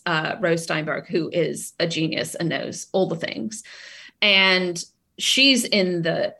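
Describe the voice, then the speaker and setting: A woman talking about hiring as a guest on a video call, lively and acting out the reactions of the people she quotes. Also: lowish voice, creaky. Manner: animated, acts out quoted reactions. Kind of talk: casual conversation.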